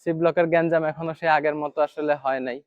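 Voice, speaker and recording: A man's voice: a little high, fairly even intonation, fairly quick, clean tone, dry recording. A young man from Bangladesh chatting casually to the viewer as he walks a vlog through the city, with many fillers. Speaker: vlogger. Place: city streets and shops, outdoors. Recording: dry and slightly dull.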